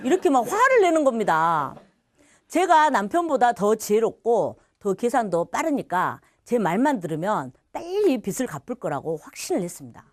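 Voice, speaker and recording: A middle-aged woman from Korea giving a personal faith testimony at church, telling her story in a lively way and acting out the voices of others. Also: a little high, normal speed, dry recording, clean studio sound.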